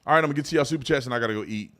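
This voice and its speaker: A middle-aged man hosts a live commentary show, chatting casually and colloquially as he addresses viewers directly and reads out their messages. His mid-range voice is fairly bright and he speaks very fast.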